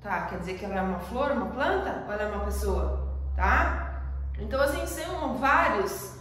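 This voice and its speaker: A woman's voice: mid-range voice, lively intonation, normal speed, a bit bright, slight background noise. Woman teacher, Brazilian accent, patient explaining, far from the mic, long reverb. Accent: Brazilian Portuguese. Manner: explains patiently, checks with "tá?" often. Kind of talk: classroom lesson. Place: classroom. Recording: echoey room, voice from far off.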